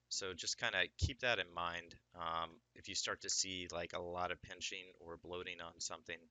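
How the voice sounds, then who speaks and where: A man giving a relaxed, explanatory software sculpting tutorial with plenty of fillers, recorded at a desk microphone. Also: deep voice, no room sound. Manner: casual, explanatory, many fillers. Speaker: 3D sculpting instructor.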